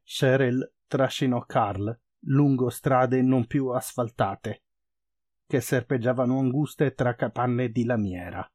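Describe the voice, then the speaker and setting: A man's voice: medium pitch, darkish tone, dry recording, studio quality. A man reading a novel aloud expressively, then commenting on it. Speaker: reader.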